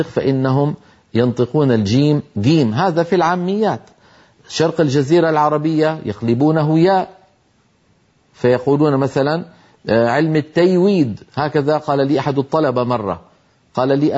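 A man's voice: mid-range voice, darkish tone, slightly rough. A middle-aged man teaching a lesson on Quran recitation, patiently demonstrating how letters should be sounded. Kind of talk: religious lesson on tajweed. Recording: dull lo-fi broadcast audio.

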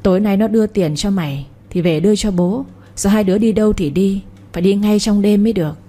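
A woman's voice: medium pitch, fast, warm tone, close to an everyday voice. A woman voicing a coarse, domineering village father. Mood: scheming. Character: gruff scheming village father, greedy.

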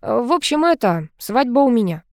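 A woman voicing a kindly middle-aged man who speaks softly and hesitantly. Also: a little high, very animated, normal speed, dry recording, studio quality, pitched above the performer's own voice. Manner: soft, hesitant.

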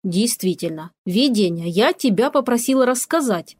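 A woman's voice: medium pitch, expressive, moderate pace, natural voice. A woman voicing a stern witch, the mistress of the house, scolding and giving orders, in a storybook reading. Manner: scolding, commanding.

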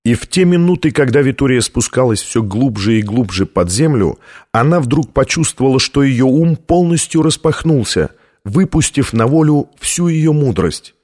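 A man narrates an audiobook with a tense, dramatic delivery. His voice sits in a middle pitch, steady and clear in its reading. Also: moderate pace. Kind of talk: scripted narration.

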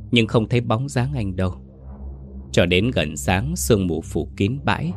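A man tells a rural ghost story in a measured, dramatic narration. His voice sits very low and deep. Each scene is read out at a steady pace.

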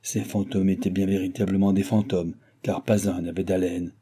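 A male audiobook narrator with a low, very dark, husky voice. He tells the story in a measured, grave way, as scripted literary narration. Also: level tone.

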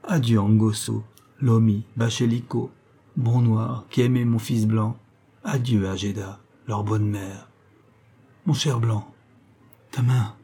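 A man reads a dying old man bidding a tender farewell in an audiobook. The voice is low, dark and husky, soft and gentle in manner. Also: steady tone, takes it slowly, long pauses, exaggerated voice.

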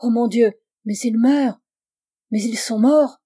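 A woman's voice: mid-range voice, unhurried, warm tone, dry recording, close to an everyday voice. A woman as a terrified young woman crying out. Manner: raised, exclaiming.

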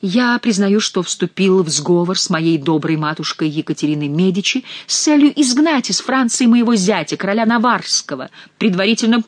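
A woman's voice: mid-range voice, expressive, normal speed, few pauses, no echo, natural voice. A woman reading an audiobook voices a sly, mocking male court jester who whines nasally. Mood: mock-penitent. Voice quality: nasal when mimicking the king.

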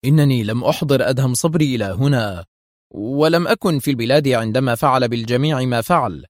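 A man's voice: mid-range voice, fast, dry recording, studio quality, close to an everyday voice. A man voicing an irritable male intelligence officer who argues sharply and insistently. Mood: firm, agitated.

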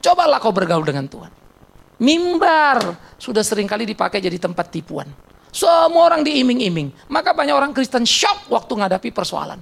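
A male pastor preaching a blunt, emphatic sermon in church. He fires rhetorical questions at the congregation, and his pitch swings sharply when he stresses a point. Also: sing-song, a little fast, gravelly, a bit bright.

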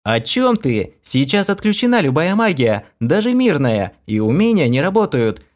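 A man doing a shrill, gleeful young woman. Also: big pitch swings, moderate pace. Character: excited cheeky young woman gamer.

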